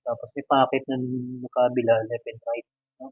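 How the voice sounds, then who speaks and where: A man's voice: medium pitch, flat delivery, a little fast, breathy edge, no room sound, narrow, tinny audio. A man casually reviewing and unboxing an action figure, chatty and joking, with English words mixed into his talk. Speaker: toy reviewer.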